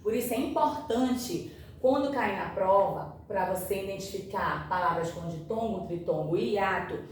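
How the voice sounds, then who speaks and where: A woman's voice: medium pitch, normal speed. A woman teaching a grammar lesson, explaining patiently and often checking that her students follow. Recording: echoey room, far from mic, faint noise.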